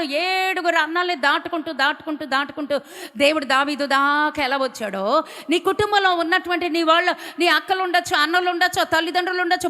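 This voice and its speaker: A woman preacher from India giving a fervent sermon, swinging from loud declarations to hushed, pleading lines. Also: extremely high pitch. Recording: long hall reverb.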